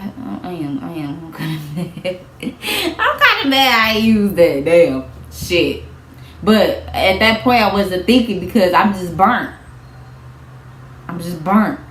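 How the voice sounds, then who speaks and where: A young woman, telling a casual storytime vlog with lively, animated delivery and frequent laughs. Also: on the low side. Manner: animated storytelling, acts out quotes, laughs often. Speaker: vlogger. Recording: echoey room, faint background noise.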